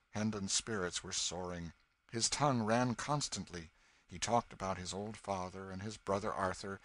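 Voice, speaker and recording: A man narrating a classic novel as an audiobook, with measured, steady storytelling. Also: fairly low pitch.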